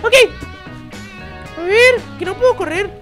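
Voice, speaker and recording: A squeaky, shrieking baby boy. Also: a little slow, fairly bright tone, soft background music. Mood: excited. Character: excitable baby boy, shrill and dramatic. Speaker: host. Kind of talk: Minecraft role-play commentary.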